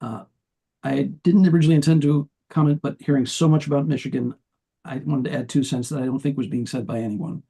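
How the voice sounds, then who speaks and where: A man, a former state party chair, giving public comment at a party meeting over a video call in a measured way, restarting now and then. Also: medium pitch, fairly even intonation, vocal fry, warm tone, breathy edge.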